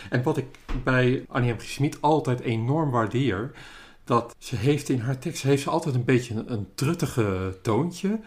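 A man interviewing a guest thoughtfully, talking in quick bursts. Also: mid-range voice, animated, darkish tone. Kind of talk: interview conversation.

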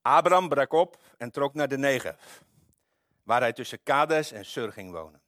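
A man's voice: mid-range voice, expressive, normal speed, a bit bright, no echo, studio quality. A man preaching, reading from the Bible and adding wry, conversational asides. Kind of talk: Bible reading with sermon commentary.

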